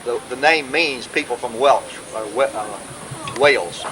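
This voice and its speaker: A man, talking informally to relatives at a family gathering in a rambling way with many pauses, heard on an old VHS home video. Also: mid-range voice, background noise. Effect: old VHS home video sound. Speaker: family historian speaking at a birthday gathering.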